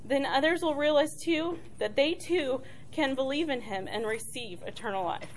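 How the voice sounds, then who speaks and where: A soft-spoken, chatty middle-aged woman leads a casual church talk on prayer, full of fillers and restarts. Her high voice is expressive at a normal speed, with a little hiss or hum in the background.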